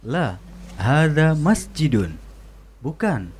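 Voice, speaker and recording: A man's voice: on the high side, big pitch swings, very slow, slight background noise. A man who is a student in an Arabic class, reading vocabulary sentences aloud with some hesitation and repetition.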